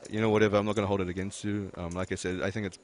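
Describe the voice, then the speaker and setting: A man's voice: fairly low pitch, flat delivery, racing. A man giving expert poker commentary, hedging his points with lots of fillers and restarts. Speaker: poker analyst.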